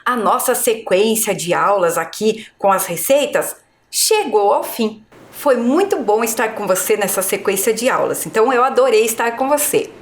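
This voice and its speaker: A Brazilian woman teaching a video lesson to young children, with slow, clear, exaggerated pronunciation. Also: a little high, expressive. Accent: Brazilian Portuguese. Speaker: primary school teacher. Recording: echoey room.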